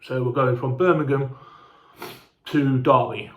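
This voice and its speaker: A man's voice: medium pitch, fairly even intonation, unhurried, fairly bright tone, reverberant, dull audio. A man telling a casual, rambling travel story, sweary and chatty, sounding hungover and unwell. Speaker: fan vlogger.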